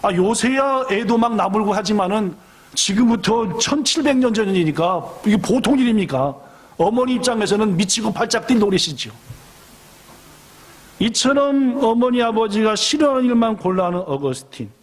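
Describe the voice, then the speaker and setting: A middle-aged man preaching in a church, his voice sitting high and swinging widely as he acts out each character. The tone is husky and a little breathy, and his storytelling keeps a lively sermon energy. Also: normal speed. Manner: animated storytelling, acting out quoted voices. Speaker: pastor. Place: church sanctuary.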